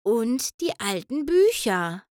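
A woman's voice: on the high side, big pitch swings, takes it slowly, dry recording, clean studio sound. Woman voicing a timid stuttering little pony. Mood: shy. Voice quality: stuttering, trembling, very soft. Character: timid stammering young female pony.

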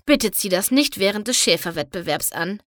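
Woman reading as a fancy drama-queen pony girl, slow sighing voice, pitched up, dry sound. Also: animated, no room sound, close to an everyday voice. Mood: dramatic. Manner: drawn-out, dramatic sighing delivery. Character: elegant, theatrical female unicorn pony.

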